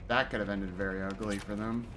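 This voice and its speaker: A man's voice: fairly low pitch, flat delivery, a little fast. A man giving casual video game playthrough commentary in short, muttered reactions and mild exclamations. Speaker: game streamer. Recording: clear game noise in background. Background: video game sound.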